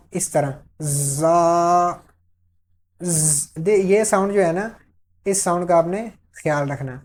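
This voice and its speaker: Patient woman teaching letter sounds. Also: on the low side. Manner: patient, repeats each letter slowly and loudly for the learner to copy; checks in with "ٹھیک ہے؟". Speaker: Quran reading teacher. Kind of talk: step-by-step pronunciation lesson.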